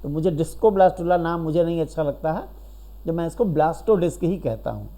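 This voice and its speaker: Mellow-voiced man teaching biology. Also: on the high side, fast. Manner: explains step by step, asks questions and answers them, keeps checking with "right?". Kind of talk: recorded classroom lecture.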